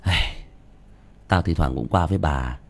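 A man's voice: very deep voice, unhurried, gravelly, pitched below the performer's own voice, heavily acted. A man voicing a blunt, crude-talking young village cowherd. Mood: hushed uneasy.

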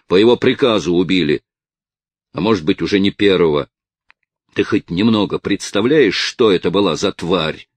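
A man's voice: low-pitched, normal speed, breathy edge, dry recording, voice pushed up. A man voicing an angry, defiant young male vigilante who argues in a heated, raised voice.

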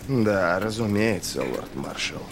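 A man voicing a sullen, sarcastic general in an audiobook, speaking slowly with grudging contempt. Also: deep voice, animated, gravelly, slight background noise, full character voice. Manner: slow, quiet, grudging sarcasm.

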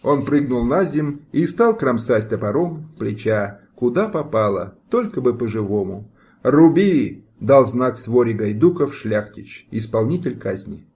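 A man reading a historical novel aloud as an audiobook narrator, in a steady, dramatic manner. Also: medium pitch, measured pace, hardly any pauses.

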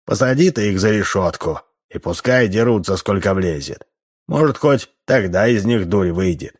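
A man voicing a sharp-tongued elderly publisher who scolds two brawlers. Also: fairly low pitch, animated, normal speed, slightly rough. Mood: dismissive.

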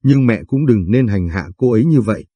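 A man's voice: medium pitch, expressive, brisk, dark tone, husky, no room sound. Man voicing a meek, irritated young husband. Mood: protesting. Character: weak young husband, torn between mother and wife.

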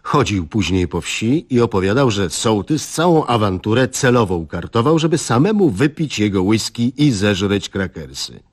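Husky male storyteller, wry delivery. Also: lowish voice, sing-song, moderate pace, few pauses. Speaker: narrator of a comic story. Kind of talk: comic story reading.

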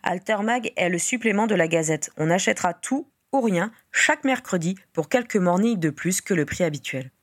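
A woman's voice: on the low side, animated, moderate pace, hardly any pauses. Woman reading as Lee, a weary male wizard journalist. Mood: explaining.

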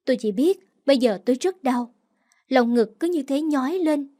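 A woman's voice: sits high, lively intonation, normal speed, dark tone. Woman narrating a dramatic story. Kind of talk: first-person audiobook narration.

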